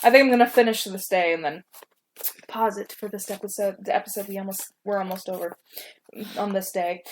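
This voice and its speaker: A woman's voice: mid-range voice, steady tone, a little fast, slight background noise. A woman reading her own old story aloud with casual commentary, embarrassed, giggly and poking fun at herself. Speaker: host reading her old fan fiction.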